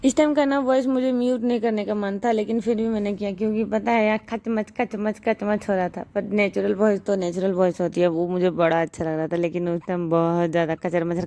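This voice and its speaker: A woman's voice: medium pitch, steady tone, brisk, warm tone. A young woman chatting casually through a home vlog, rambling and repeating words as she talks. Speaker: vlogger.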